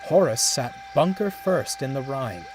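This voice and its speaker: A man narrates a scripted children's story. His mid-pitched voice moves in an animated way through the telling. Music plays underneath. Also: unhurried.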